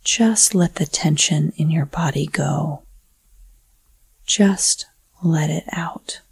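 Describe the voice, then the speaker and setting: A woman whispering a slow, soothing guided breathing meditation. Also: deep voice, gravelly, breathy edge, no room sound.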